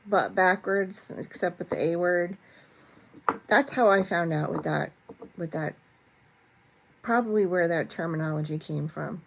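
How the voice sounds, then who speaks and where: A woman hosting a vlog, telling a story to camera in a chatty, animated way with many fillers and restarts and a self-mocking sense of humor. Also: lowish voice, vocal fry. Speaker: vlog host. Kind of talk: casual storytelling chat to camera.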